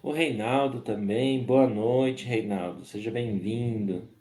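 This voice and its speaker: Male live host, hoarse from a cold, slow friendly delivery, roomy echo. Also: mid-range voice, mellow. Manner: slow, friendly, greets viewers by name. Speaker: host of a spiritist live stream. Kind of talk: casual greetings to live chat viewers. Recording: echoey room.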